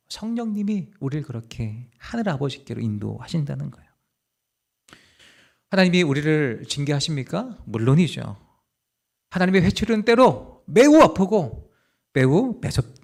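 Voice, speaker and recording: A male pastor preaching a sermon, swinging between loud urging and hushed, slow passages. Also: on the high side, vocal fry. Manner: animated, acts out dialogue in quoted voices.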